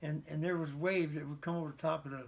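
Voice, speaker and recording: Creaky and quick, this slightly high male voice belongs to an American Navy veteran in his seventies recalling his service during an interview. He talks conversationally and folksily, wandering off track and stumbling into stammered repeats, with fairly even intonation.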